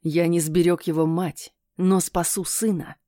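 Woman doing an angry old king, slow booming lines, dry close sound. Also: little pitch movement, warm tone, no echo, natural voice. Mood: grim. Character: stern furious old king, male. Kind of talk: audiobook character voice.

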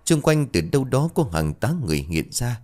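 A man narrating a ghost story with an expressive, dramatic reading. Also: mid-range voice, fairly quick.

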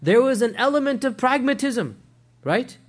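A man giving a weekly religious history lecture in an animated way, often asking his listeners rhetorical questions and weaving in Arabic religious phrases. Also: very high-pitched, moderate pace.

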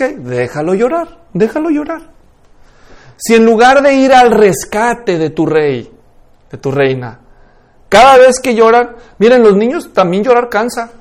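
High-voiced man teaching a church class. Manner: lively, rhetorical questions to audience.

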